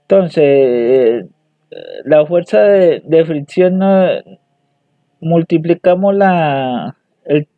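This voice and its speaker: Hesitant young male student, high voice, slow delivery, reading results over lo-fi dry audio. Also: dry recording. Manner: hesitant, halting, repeats words and restarts. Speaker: student presenting homework. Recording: dry tinny phone-like audio.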